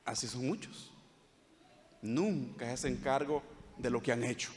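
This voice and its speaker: A man's voice: mid-range voice, a little slow, in a large hall. A man preaching a sermon as pastor with a Salvadoran Spanish accent, earnest, acting out short quoted dialogues. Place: church hall.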